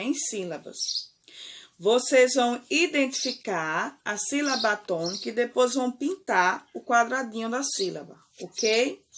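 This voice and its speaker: Brazilian woman primary teacher, unhurried, drawn-out words, keeps checking the kids follow. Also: on the high side, noisy background. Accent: Brazilian Portuguese. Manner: slow, deliberate, stretches key words, frequent "certo?" and "ok?". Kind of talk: remote classroom lesson.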